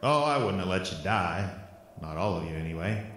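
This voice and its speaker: An actor playing a gruff, threatening old hobo miner with a folksy, ungrammatical manner in an audio drama. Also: male voice, low-pitched, lively intonation, moderate pace, a bit bright, slight background noise. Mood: menacing. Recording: very echoey, music underneath.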